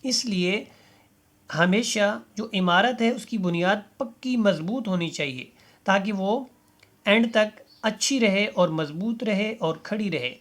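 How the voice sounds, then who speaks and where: A man teaching a Quran reading lesson, drawing out each letter slowly and then explaining how to pronounce it, asking learners to repeat after him. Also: high voice, a bit bright. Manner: slow drawn-out letter recitation between explanations; patient instructive tone, asks learners to repeat. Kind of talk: step-by-step recitation lesson.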